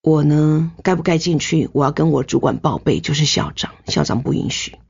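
Speaking in Taiwanese Mandarin, this older female nurse tells her story as an interview guest with heartfelt emotion and sentence-final particles. Her husky, low voice is expressive and darkish in tone, delivered at normal speed on a dull, somewhat muffled recording.

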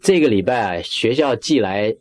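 A man's voice: mid-range voice, animated, normal speed, darkish tone, no room sound. A middle-aged man giving an emotional personal faith testimony, acting out his own prayers and dropping in English words. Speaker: testimony speaker.

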